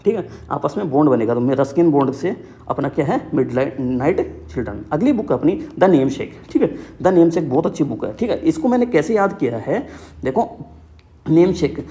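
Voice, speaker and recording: Teaching exam book lists, a young man with a slightly high, mellow voice goes over material casually and repetitively. He uses memory tricks, checks in often, and keeps saying "ठीक है".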